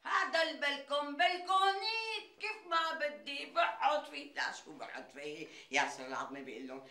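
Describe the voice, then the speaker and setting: An actress playing a scheming, melodramatic neighbor woman with a Damascene Syrian accent, who wails, flatters and wheedles in a TV sitcom. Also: high voice, fairly quick, echoey room, heavily acted. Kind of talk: TV sitcom acting.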